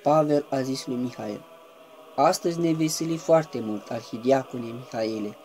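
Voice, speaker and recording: A man giving a reverent, measured devotional reading that slips into chanted intoning at times. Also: mid-range voice, a little mellow, soft background music. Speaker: reader of a saint's life.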